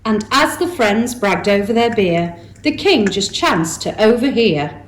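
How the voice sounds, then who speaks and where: A woman's voice: medium pitch, animated, unhurried. A woman narrating a rhyming pantomime story in a theatrical storytelling manner. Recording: echoey room with clear noise.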